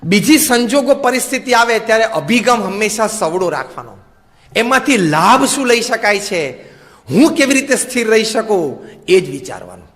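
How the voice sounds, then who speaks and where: A man, a monk, giving a sermon that mixes stories and gentle humor with slow, emphatic English phrases. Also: high-pitched. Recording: long hall reverb.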